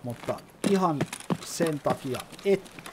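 Guy talking thru his game, chatty, cusses a lot, loud noisy game sound behind him. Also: a little high, expressive. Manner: chatty, explains as he plays, swears often. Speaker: gaming YouTuber. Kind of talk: gameplay commentary.

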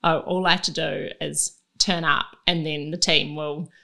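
A woman's voice: low-pitched, a little slow, vocal fry. A young woman with a New Zealand accent, chatting easily as an interview guest in a living room, close to a studio mic. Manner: relaxed, chatty, laughs easily. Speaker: guest, Olympic rower. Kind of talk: casual interview chat. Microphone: studio mic on boom arm.

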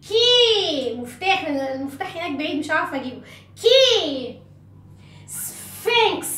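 Egyptian woman teacher, playful drill style, bright voice, recorded from a distance. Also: very high voice. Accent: Egyptian Arabic. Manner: drills words with many repetitions, coaxing and playful. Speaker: English teacher for first graders. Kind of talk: animated lesson to children. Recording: echoey room, mic at a distance.

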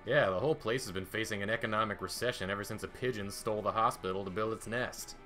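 A man's voice: lowish voice, fast, pushed and bright, faint music behind. A man voicing a smug young demon who favors violence, in an offhand, bored manner.

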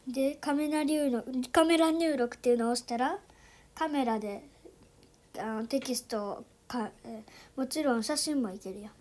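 A chatty woman with a high, light voice walks viewers through a phone app in a casual tutorial. She fills her talk with little fillers and often drops into soft, near-whispered asides. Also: normal speed. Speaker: YouTube channel host.

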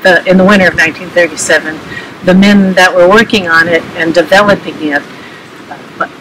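A middle-aged man with a high voice answers casually as a park guide. He is hesitant and modest, pausing mid-phrase, recorded at a distance outdoors with clear ambient noise. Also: fairly even intonation, sharp tone. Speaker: park cave guide being interviewed. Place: outdoors beside a wooded retaining wall. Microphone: camera several meters away.

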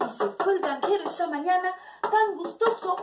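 A woman's voice: very high-pitched, normal speed. Mexican woman telling a fable, far off. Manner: expressive, with clucking sound effects. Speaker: storyteller. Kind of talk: storytelling a fable. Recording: echoey room from far off.

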